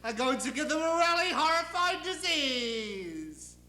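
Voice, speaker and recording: In a satirical stage monologue, a man voices a lazily all-powerful, petulant, vindictive God who bellows, whines and blusters imperiously with indignation. His heavily acted, sing-song voice is pushed extremely high above his own, bright and a little slow. The room is echoey.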